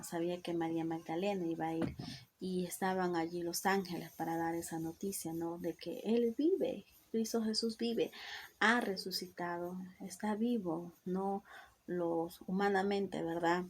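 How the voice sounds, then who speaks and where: A woman's voice: fairly low pitch, darkish tone, a little hiss or hum. A woman giving an earnest devotional Bible teaching, often asking "¿verdad?" and addressing her listener as sister. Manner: repeatedly says "hermana" and "¿verdad?"; earnest, with slips and restarts. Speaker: preacher.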